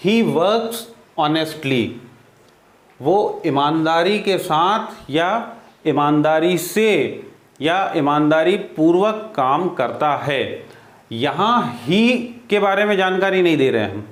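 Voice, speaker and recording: A man teaches grammar at a very slow, deliberate pace, repeating his examples and putting questions to the class. His voice sits a little high, and the room is noticeably echoey. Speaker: English teacher.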